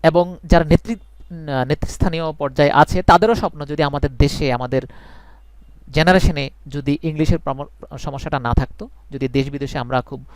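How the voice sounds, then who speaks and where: Earnest teacher, higher voice. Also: male voice, fairly even intonation, normal speed, smooth, no echo. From Bangladesh. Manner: earnest, reassuring, repeats points for emphasis. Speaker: English teacher. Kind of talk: live online class.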